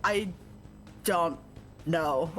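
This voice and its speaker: A woman's voice: on the low side, very slow, a bit bright, soft background music. Woman reading a game's text aloud. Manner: reads text evenly, breaks off to joke and laugh. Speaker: streamer reading a visual novel aloud. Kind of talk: let's-play narration with casual asides.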